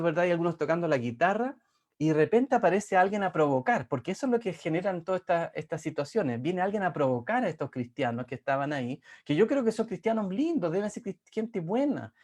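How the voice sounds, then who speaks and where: A man's voice: on the high side, darkish tone. A man preaching a sermon as pastor, who repeats words for emphasis and reads scripture aloud. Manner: repeats words for emphasis, rising and slowing on key phrases.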